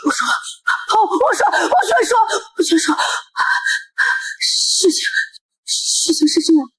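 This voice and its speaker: Terrified mother begging for rescue; tearful, high and stammering. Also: normal speed, a little mellow. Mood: desperate. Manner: pleading, sobbing, stammering. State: crying. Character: desperate middle-aged mother begging for her life. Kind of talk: short web drama acting.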